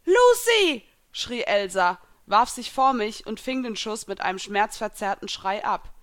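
A woman's voice: mid-range voice, moderate pace, fairly bright tone. Woman reading a first-person story. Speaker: reader.

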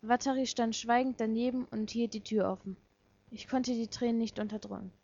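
A woman reading a first-person story aloud in a soft, subdued, dramatic way. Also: a little high, fairly even intonation, fairly quick, no echo. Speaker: story reader. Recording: dull lo-fi recording.

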